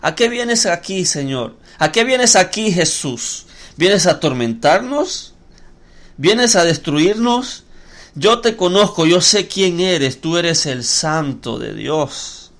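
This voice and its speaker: A man's voice: sits high, lively intonation, takes it slowly, a bit bright, exaggerated voice. A man voicing an unclean demon, a male spirit that cries out in alarm, fearful and defiant.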